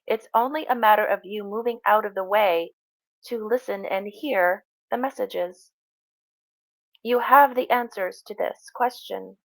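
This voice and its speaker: A woman trance channeling a serene, reassuring spirit guide like a seance medium, speaking in measured, halting, instructive phrases. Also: on the high side, creaky, low-quality recording. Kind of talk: spiritual channeling session answering questions.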